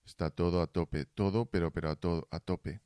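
Casting: deep-voiced male streamer, casual and fumbling with his mic, close dry sound. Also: fairly even intonation, moderate pace, dark tone, smooth, no room sound. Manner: fumbling with audio gear, asking chat for feedback. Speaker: Twitch streamer. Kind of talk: casual live-stream chat. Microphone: desk mic, then built-in computer mic.

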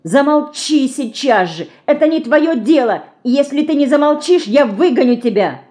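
A woman reading an audiobook, voicing a hot-tempered young city girl who snaps back in sharp, indignant outbursts. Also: high-pitched, expressive, moderate pace, voice pushed up.

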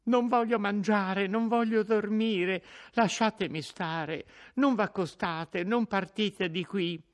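A man's voice: high voice, takes it slowly, voice pushed up. A man reading the part of a terrified young woman held captive, crying out in fear. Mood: frightened.

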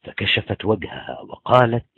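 A man narrates a novel dramatically, his deep voice moving widely in pitch. The sound is thin and phone-like, with soft music under it. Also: big pitch swings, moderate pace, husky, dry recording. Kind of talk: novel reading.

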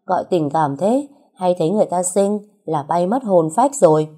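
A jealous young wife with a sharp tongue, voiced by a woman reading a storybook. She teases and scolds in a low, husky, mellow voice. Her jabs come quick and pointed. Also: animated. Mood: teasing. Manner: teasing, scolding.

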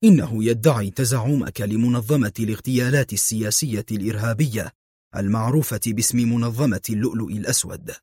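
A shrewd police inspector, played by a male narrator, speaking low, quiet and measured with a stern edge. The husky voice sits close and dry in this audiobook tale. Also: no room sound. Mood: calm.

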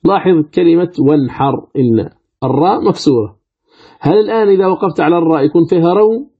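A man explains the fine points of Quranic recitation in a raspy, gravelly voice that sits a little high. He asks his own questions, answers them, and sounds out each word as an example. The audio is thin and tinny, like a phone line. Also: quick pace. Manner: poses questions and answers them himself, demonstrates pronunciations aloud.

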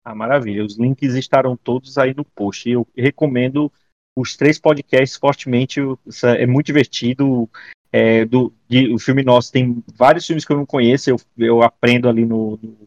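A Brazilian man hosting a podcast in casual chat, halting and repeating words as he thinks. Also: mid-range voice, fairly even intonation, darkish tone, no room sound. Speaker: podcast host. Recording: dry but slightly dull audio.

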